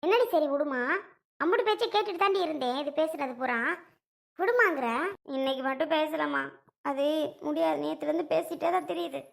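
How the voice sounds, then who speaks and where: A woman's voice: sits high, gravelly. A woman playing an indignant middle-aged mother who confronts her daughter's in-laws, speaking. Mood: scolding. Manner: confrontational, quick retorts. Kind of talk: family comedy skit.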